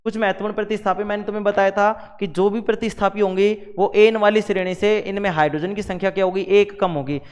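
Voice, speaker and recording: A man's voice: high-pitched, steady tone, quick pace, few pauses, clean tone, big-room sound. A man teaching a revision lesson at the board, repeating terms and quizzing the class with questions.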